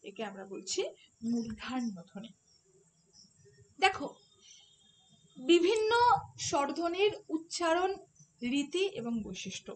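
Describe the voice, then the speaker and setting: A woman teaches an online exam-prep class in a fairly high voice. She explains each point step by step and keeps asking rhetorical questions. Faint noise sits under her voice.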